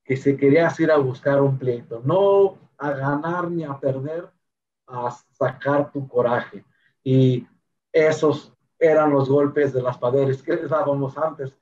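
A middle-aged man speaking candidly and earnestly as a podcast guest, reflective and with halting restarts. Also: mid-range voice, a little mellow, lo-fi sound. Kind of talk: candid personal talk.

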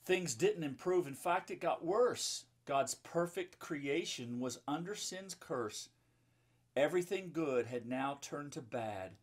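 Reading a children's story slowly in a voice on the high side, a fifties-aged pastor adds chatty asides and lively intonation to explain it simply for young listeners. He is a children's book author, recording indoors in a book-lined room at home or an office.

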